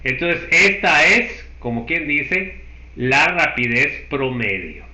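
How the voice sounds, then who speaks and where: Guy teaching chem, super bright voice, keeps asking if everyone gets it, echoey room. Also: a little high, expressive, slow. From Guatemala. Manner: explains step by step, often checking with the class. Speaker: chemistry teacher. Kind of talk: university lecture.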